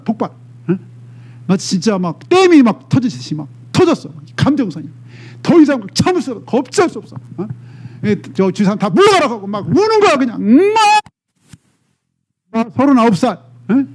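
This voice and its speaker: Male pastor, middle-aged, dramatic sermon delivery with a high, dark-toned voice. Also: breathy edge. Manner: animated, dramatic retelling with frequent "eh?" prompts to the congregation.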